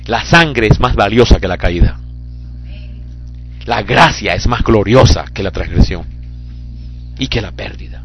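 A man's voice: on the low side, dull audio. A man preaching a sermon as pastor, impassioned and fervent, building into cries.

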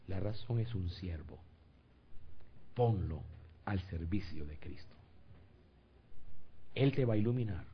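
A man preaching a sermon with personal testimony, shifting from calm talk to loud, high-pitched exclamations and pleading directly with his listeners. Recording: slightly dull sound with faint background noise.

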